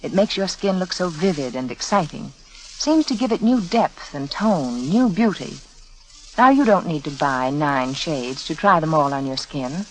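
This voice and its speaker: This is a vintage 1940s radio broadcast, roughly recorded with a little background noise. A woman with a low, expressive voice speaks at a normal pace as the sponsor's spokeswoman and beauty adviser, reading a scripted beauty ad in a confiding, persuasive tone.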